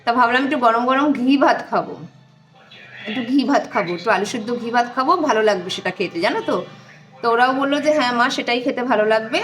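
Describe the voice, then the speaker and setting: Holding her phone in one hand indoors at home, a middle-aged woman chats cozily with her vlog audience. Her voice sits on the high side and sounds a bit bright.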